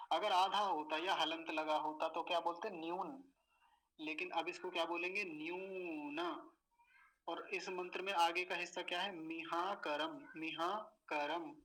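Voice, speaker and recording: A patient man teaching pronunciation, repeating each word slowly syllable by syllable. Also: a little high, steady tone, a bit bright, slight background noise, poor audio. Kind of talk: slow pronunciation lesson.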